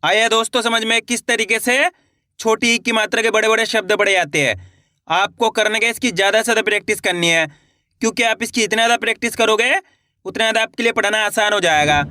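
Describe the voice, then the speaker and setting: A man teaching a reading lesson online, sounding out words slowly syllable by syllable. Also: sits high, pushed and bright, dry recording, studio quality. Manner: slow, drawn-out syllable-by-syllable pronunciation.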